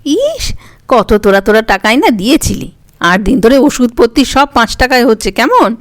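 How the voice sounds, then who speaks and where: A woman reading a Bengali story, voicing a proud, sharp-tongued young woman in a raised voice. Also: fairly high pitch, normal speed, close to an everyday voice. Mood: scolding.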